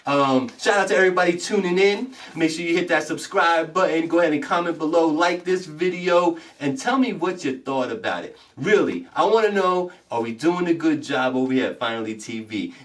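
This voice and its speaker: A man's voice: on the high side, recorded from a distance. Hyped male show host, off mic. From Puerto Rican family. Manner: hyped, shout-outs, talks to viewers. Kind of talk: casual interview. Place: studio in Beacon, New York.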